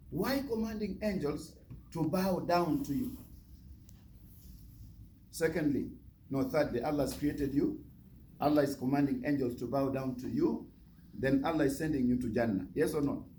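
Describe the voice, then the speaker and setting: A man with a slightly high, darkish voice delivers a religious lecture as a guest imam. He teaches by repeating phrases and asking his listeners questions. There's noticeable background noise in the recording.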